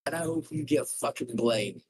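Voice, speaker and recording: A man's voice: medium pitch, lively intonation, normal speed, a little mellow, husky, low-quality recording. A man ranting furiously at his viewers during a livestream, anguished and in emotional distress, swearing heavily. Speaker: streamer. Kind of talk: raw livestream rant.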